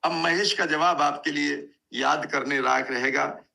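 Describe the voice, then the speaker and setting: A man's voice: a little high, fairly even intonation, measured pace, gravelly, sharp tone. A man giving a conversational motivational talk, telling stories and repeating points for emphasis. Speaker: motivational speaker. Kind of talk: motivational talk, Hindi mixed with English.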